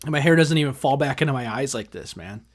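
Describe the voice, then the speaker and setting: A man chatting casually with friends in a group reaction video, jokey and excitable, quick with double-takes. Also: medium pitch.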